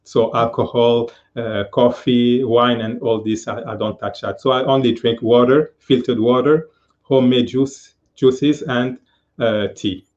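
A man in his fifties, a guest on a live-stream interview, speaking earnestly with many pauses and fillers over a video call. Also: mid-range voice, fairly even intonation, darkish tone, lo-fi sound. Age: 50s.

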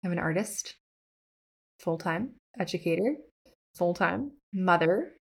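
Low, gravelly, and edged with breath, this woman's expressive voice moves slowly. As an art educator hosting a podcast on the business of art, she teaches casually, chatting warmly, poking fun at herself, and stressing points with upbeat energy.

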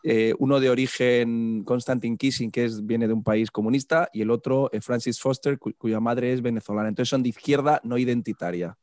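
A hoarse man from Murcia, a podcast guest chatting casually, blunt and quick to swear. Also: medium pitch, fairly even intonation, a little mellow, dry recording, studio quality. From Murcia, Spain. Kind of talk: casual chat.

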